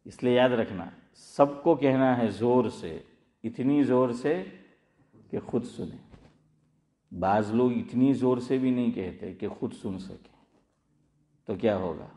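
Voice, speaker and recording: An Islamic scholar with a dark, medium-pitched voice gives a conversational sermon in an echoey room, leaving long pauses. He asks his listeners questions and repeats his key points.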